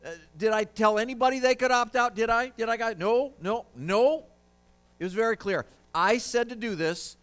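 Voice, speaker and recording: Furious old king, pitched way up, scolding loud, preacher putting him on. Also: huge pitch swings, a little fast, hardly any pauses. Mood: exasperated. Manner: loud, high, incredulous scolding. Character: angry exasperated ancient king, male.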